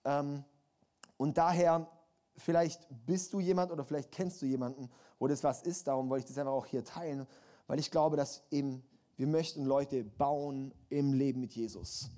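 A man's voice: medium pitch, steady tone, moderate pace, mellow. A man preaching a sermon, passionate and building to emphatic, repeated calls. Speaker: pastor.

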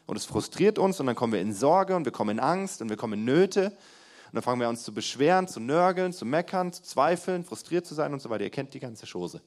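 Young man, sermon, punchy emphatic delivery then hushed asides, addresses the congregation directly, church hall. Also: mid-range voice, brisk. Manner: lively, swings between loud emphasis and quiet asides, talks to the congregation directly. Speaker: preacher.

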